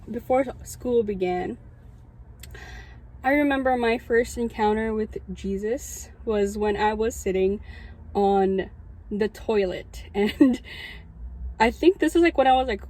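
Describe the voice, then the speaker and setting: A woman in her early twenties from Southern California, with a Californian American accent, shares a personal testimony about being a student chaplain. Her mid-range, warm voice moves at a measured pace as she tells the story casually to an audience, informal and conversational with lots of "like" asides.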